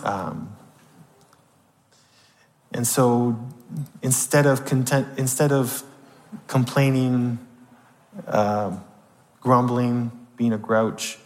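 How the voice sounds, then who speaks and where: A man's voice: medium pitch, fairly even intonation, very slow, pauses often. A man teaching an informal Bible class, talking conversationally and often checking in with his listeners. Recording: long hall reverb.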